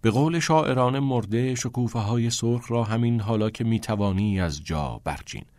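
A man's voice: mid-range voice, a little mellow, no echo, lightly acted. Brief: man doing snarky teen boy, mocking. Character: sarcastic teenage schoolboy Cameron.

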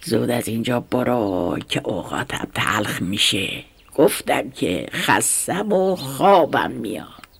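A woman's voice: extremely low pitch, lively intonation, creaky, husky, pitched below the performer's own voice, exaggerated voice. Woman whispering as a lazy bully snake. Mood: drowsy threatening. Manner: drowsy, slow and threatening. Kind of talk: whispered role-play.

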